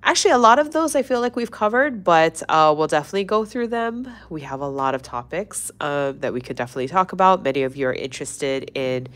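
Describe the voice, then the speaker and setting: A young woman with a low voice hosts a casual nail art livestream, sounding stuffy and congested from a cold. She chats in a friendly, rambling way, full of fillers and restarts. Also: fairly bright tone. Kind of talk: casual livestream tutorial chat.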